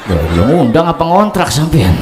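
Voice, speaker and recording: Joking preacher, echoey hall. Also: male voice, fairly high pitch, big pitch swings, normal speed. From Cirebon, Indonesia. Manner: joking, banters with the audience. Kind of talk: religious sermon at a gathering. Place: evening religious gathering. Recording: echoey hall with faint ambient noise.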